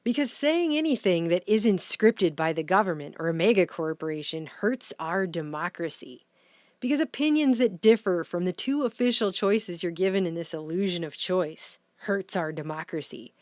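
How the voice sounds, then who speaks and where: A woman's voice: on the low side, expressive, normal speed, darkish tone, no room sound. Mocking woman vlogger, sarcastic rants, dry close sound. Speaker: vlogger, commentator. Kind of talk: casual commentary.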